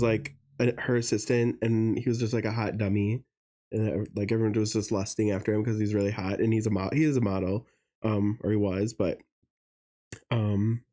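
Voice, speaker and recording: A young adult man co-hosting a podcast, with a warm, mellow tone. He gossips casually and often pauses on "um" and "like" while telling stories. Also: fairly low pitch. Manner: chatty, gossipy, many fillers. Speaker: podcast co-host. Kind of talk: casual chat.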